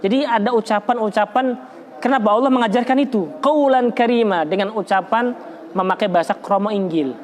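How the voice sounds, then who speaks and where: A man's voice: sits high, fairly quick. A man teaching a religious study lecture in a casual, conversational way, weaving in Arabic verses and repeating points with stammered restarts.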